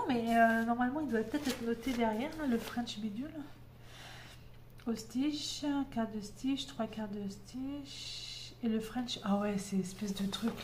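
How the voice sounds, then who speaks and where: A woman's voice: a little high, slight background noise. A woman vlogger chatting at home, enthusiastic and full of hesitations as she shows her craft kits. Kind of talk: casual show-and-tell chat.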